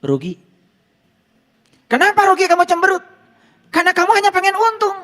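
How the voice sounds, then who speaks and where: Guy preaching, pitch jumping all over, big hall echo. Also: a little fast. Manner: rhetorical questions, lively teaching. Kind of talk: casual sermon to a congregation. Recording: long hall reverb.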